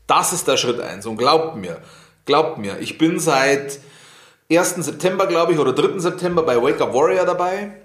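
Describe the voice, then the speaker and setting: A man's voice: a little high, expressive, moderate pace. A man giving a blunt motivational monologue, swearing freely and firing questions at himself and the listener. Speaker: podcast host. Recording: echoey room.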